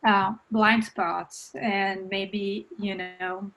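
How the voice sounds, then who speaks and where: A woman moderating a panel discussion, reading out audience questions in a polite, halting way with many fillers. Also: mid-range voice, level tone, fairly bright tone, rough recording.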